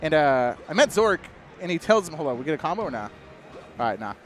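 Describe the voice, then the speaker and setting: A young man in casual match commentary who talks fast and a bit high. He jokes around and loves teasing people. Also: big pitch swings, fairly bright tone, faint music behind. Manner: joking, teasing, quick banter. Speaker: esports commentator.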